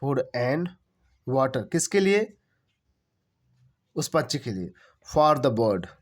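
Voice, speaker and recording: A man's voice: mid-range voice, very animated, extremely slow. A man teaching English translation. He asks questions and answers them himself, spells words out letter by letter and repeats each phrase. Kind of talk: translation lesson.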